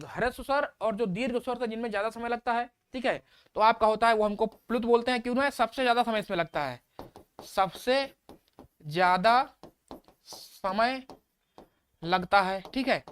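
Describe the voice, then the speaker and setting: A woman's voice: fairly high pitch, a little fast, clear, resonant tone. A woman teaching a live online grammar lesson. She repeats key terms and keeps asking the viewers questions, and she also reads out and answers their questions.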